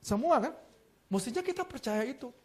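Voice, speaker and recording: High-voiced preacher swinging loud to soft. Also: male voice, normal speed. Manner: lively storytelling with jokes and acted quotes; wide swings between loud emphasis and soft asides. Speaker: pastor. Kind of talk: sermon.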